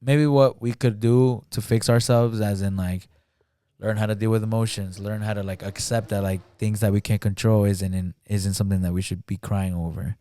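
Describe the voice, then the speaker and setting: A man talking casually as a podcast guest, retelling a film scene and often acting out the lines, with halting speech full of "like" fillers. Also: fairly low pitch, fairly even intonation, dark tone, no room sound. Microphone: studio podcast mic.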